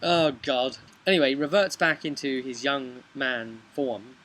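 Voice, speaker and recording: Recapping his campaign at a measured pace, a man who ran a tabletop role-playing game speaks in a medium-pitched, slightly bright voice. He's outside on a bench by a brick house, caught by a camera mic in a noisy home video.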